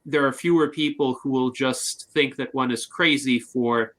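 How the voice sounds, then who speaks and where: Formal, measured male interview host. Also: medium pitch, steady tone, a bit bright. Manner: measured and formal, in long sentences.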